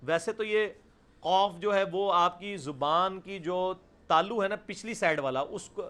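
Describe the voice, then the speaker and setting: Middle-aged male teacher, high voice, Punjabi-accented Urdu, drills sounds loudly and calls on students by name. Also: clean tone. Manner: demonstrates sounds by repeating them loudly and slowly, then calls on students by name. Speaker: Quran recitation teacher. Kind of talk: live class teaching Arabic pronunciation.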